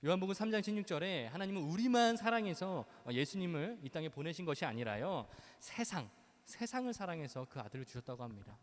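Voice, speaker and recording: A man's voice: fairly high pitch, very animated, fast. A man preaching to a youth group at church. He talks playfully, acts out quoted lines and asks the kids questions. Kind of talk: sermon to teenagers. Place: church hall. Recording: reverberant church hall.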